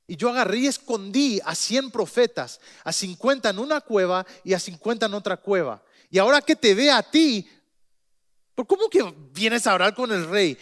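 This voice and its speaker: A man voicing a frightened royal steward who pleads in rapid, alarmed outbursts. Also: high voice, expressive, fairly bright tone.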